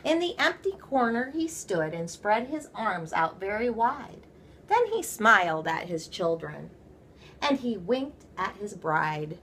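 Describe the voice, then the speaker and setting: A woman reading a children's story aloud, with playful, theatrical emphasis and drawn-out words. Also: mid-range voice, sing-song, a bit bright, a little hiss or hum. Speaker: storybook reader. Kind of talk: animated children's read-aloud.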